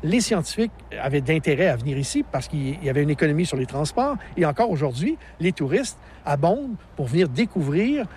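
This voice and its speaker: Outdoors, a Québécois-accented man in his sixties, a park naturalist full of enthusiasm, describes the landscape for an interview, quick to laugh. He talks fairly quickly with hardly a pause, his darkish voice sitting on the high side with big pitch swings, against slight background noise.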